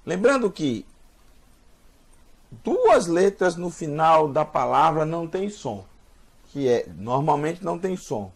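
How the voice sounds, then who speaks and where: Slow, husky-voiced man teaching. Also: on the high side, sing-song. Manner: patient, repeats words slowly for learners. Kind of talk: slow spoken language lesson.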